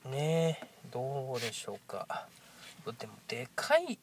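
A man in his thirties with a nasal, stuffy-nosed voice from a cold, giving a casual, halting food review to camera. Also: medium pitch, wildly swooping pitch, slight background noise. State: congested with a cold. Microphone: camera at arm's length.

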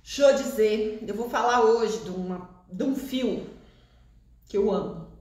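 Brazilian woman, crochet teacher on a live stream; unhurried, chatty, with a recurring cough, recorded in a roomy space. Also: mid-range voice. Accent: Brazilian Portuguese. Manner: chatty, warm greetings to viewers, laughs often. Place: seated in a room of a shop.

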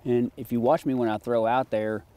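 A man's voice: medium pitch, steady tone, normal speed, dark tone, no room sound. A middle-aged man from Oklahoma, a fishing guide explaining tactics in casual, folksy talk on a creek bank outdoors. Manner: folksy, easygoing teacher.

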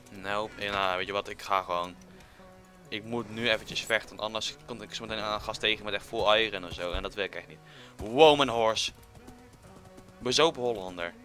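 A young man giving casual, excitable commentary while playing a game, jumping between loud outbursts and quiet muttering. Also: fairly low pitch. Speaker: gaming YouTuber.

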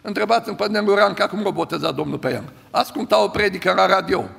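An older man, a pastor from the of Romania, preaching and telling stories, his voice swinging from loud to hushed. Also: high voice, creaky, breathy edge. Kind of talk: sermon. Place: large church hall. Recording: church hall reverb.

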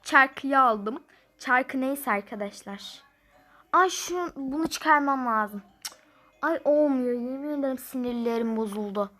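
Young woman, high voice, slow unhurried talk, frustrated gameplay chatter, faint music behind. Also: pushed and bright. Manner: frustrated, grumbling, counting numbers aloud. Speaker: mobile game player. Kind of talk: casual gameplay commentary.

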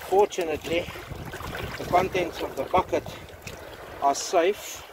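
A man chats to his viewers in a slightly high voice, rambling and self-mocking as he thinks aloud. He talks unhurriedly while wading through seawater among rocks. Loud splashing and water noise fill the outdoor recording. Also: a little slow. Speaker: metal-detecting vlogger. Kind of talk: rambling stream-of-consciousness commentary.

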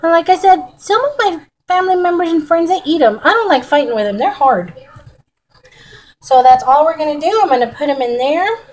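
A middle-aged woman runs a casual cooking demo in her home kitchen for her vlog, talking to viewers in a folksy, chatty way. She has a high voice with lively intonation and speaks fairly quickly, and the audio from the camera close by on the counter is poor.

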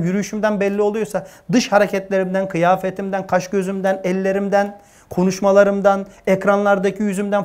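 A man teaching a religious lesson to young people, earnest and emphatic, rising to forceful stresses. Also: high-pitched. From Turkey.

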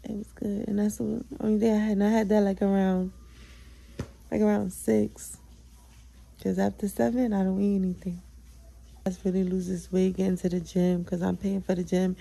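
A young woman talks straight to her listeners in a loose, candid solo podcast, swearing freely and hyping herself up. Her voice is very dark and gravelly, with a husky edge and plenty of vocal fry. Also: medium pitch, flat delivery, moderate pace, low-quality recording. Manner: chatty, candid, profane, self-affirming. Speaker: podcast host. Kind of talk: casual solo vlog chat.

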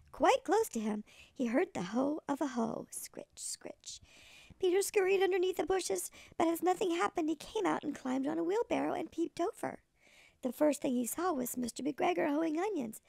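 A sweet older woman with a thin, creaky voice, reading a children's story expressively like a kindly storyteller. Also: high-pitched, a little mellow, no echo. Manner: sweet old lady.

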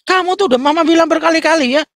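A man slips into a nagging mother scolding her teenager, her voice jumping high and sharp above his own. She repeats herself, loud and insistent. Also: very fast, slight background noise. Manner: shrill, repetitive scolding.

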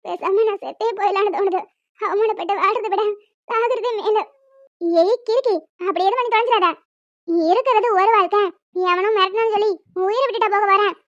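A woman's voice: very high-pitched, no echo, highs cut off. A woman voicing a distressed young female college student who talks in an emotional, pleading way.

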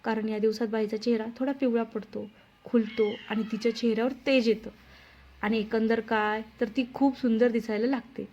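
A woman's voice: on the high side, little pitch movement, moderate pace, darkish tone. A woman voicing a loving, teasing middle-aged mother in a storybook reading. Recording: dull lo-fi sound.

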